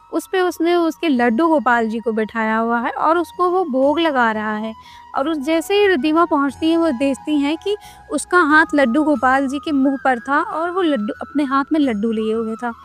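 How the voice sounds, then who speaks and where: High-voiced woman telling a devotional story. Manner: conversational retelling, many "she says" links.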